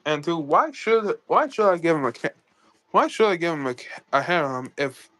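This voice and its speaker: A man's voice: on the high side, expressive, moderate pace, a bit bright, dry recording. Young male streamer, casual and rambling, dry deadened room sound. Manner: rambling, many restarts and swearing. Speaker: co-host, story creator. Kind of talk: casual livestream chat.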